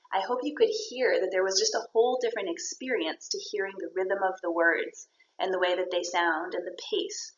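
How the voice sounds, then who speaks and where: A woman teacher walks her students through a poetry lesson, explaining each point step by step and praising their answers. Her voice carries around a roomy space, and the sound is a little dull and lo-fi. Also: mid-range voice. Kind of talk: recorded classroom lesson.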